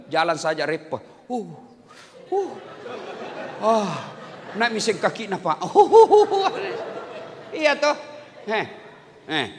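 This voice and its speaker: A man's voice: a little high, bright, forceful tone. A male preacher with a Makassar-flavored Indonesian accent, giving a joking sermon, quizzing his congregation and acting out little scenes. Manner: joking, asks the audience questions, acts out scenes. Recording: reverberant hall, faint background noise.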